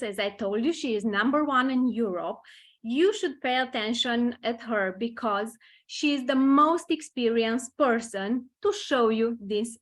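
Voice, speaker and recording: Slow-talking Romanian woman hosting a video call. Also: on the high side, fairly bright tone. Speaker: webinar host. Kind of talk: online presentation introduction.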